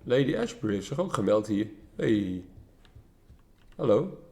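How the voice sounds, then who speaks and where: A man's voice: fairly low pitch, big pitch swings, moderate pace, vocal fry, warm tone. A Dutch man giving casual let's play commentary, musing aloud in an offhand way.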